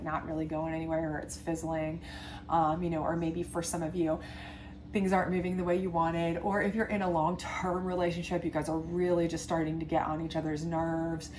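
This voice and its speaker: Speaking on the low side with a slightly mellow quality, a sinus-congested woman gives viewers a friendly, reassuring tarot love reading, wandering into asides and fillers. Slight background noise is audible.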